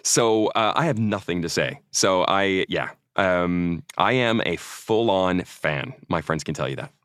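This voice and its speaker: A man's voice: low-pitched, expressive, unhurried, a bit bright, dry recording, clean studio sound. A man in his forties from Norway, an actor guest chatting casually and telling self-mocking stories in an interview. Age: 40s.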